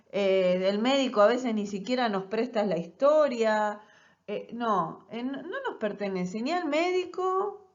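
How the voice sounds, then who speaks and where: A woman's voice: a little high, lo-fi sound. A woman teaching a recorded nursing class, explaining step by step and often checking in with rhetorical questions. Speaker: nursing lecturer.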